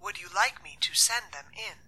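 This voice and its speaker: A woman voicing a polite, emotionless robot assistant in an audio drama, formal and measured. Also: mid-range voice, lively intonation, bright, forceful tone. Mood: coolly polite.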